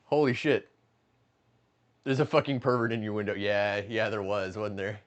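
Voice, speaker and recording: A man's voice: lowish voice, fairly even intonation, moderate pace. A man in his late twenties chatting casually and profanely with his livestream chat while he cooks, joking and reading messages aloud. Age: late 20s. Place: home kitchen, stepping outside to smoke.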